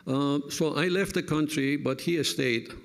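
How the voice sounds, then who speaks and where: Gravelly-voiced man in his seventies. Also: fairly high pitch, measured pace. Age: 70s. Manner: reflective, anecdotal, warm humor. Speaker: retired-age professor giving a speech. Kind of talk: personal speech at an event.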